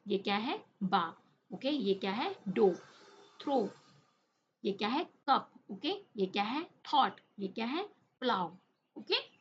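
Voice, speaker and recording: Unhurried woman teacher, Hindi-English mix. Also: a little high, very animated, fairly bright tone. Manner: repeats "okay?" often, mixes English into Hindi, reads English text slowly. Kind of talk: classroom lesson explanation. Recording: dull lo-fi recording with faint noise.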